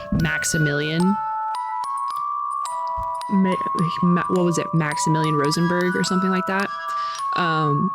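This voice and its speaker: A woman with a slightly low voice gives casual game commentary. She talks in a wry, conversational way while loud music plays behind her. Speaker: game streamer. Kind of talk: casual playthrough commentary, reading game text aloud.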